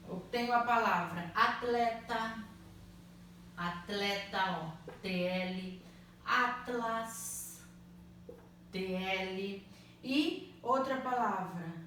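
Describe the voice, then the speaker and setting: A woman teaching a primary school language lesson, spelling out words slowly and patiently, often checking that the children follow. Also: medium pitch, fairly bright tone. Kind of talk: slow, clearly spelled-out online lesson. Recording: echoey room, mic at a distance, faint noise.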